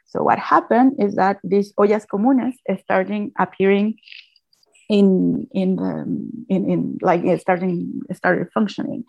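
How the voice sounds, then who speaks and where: A woman's voice: mid-range voice, measured pace, gravelly, darkish tone, dry recording, highs cut off. A woman from Chile giving an explanatory talk, often restarting and repeating phrases. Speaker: guest speaker. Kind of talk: talk presentation.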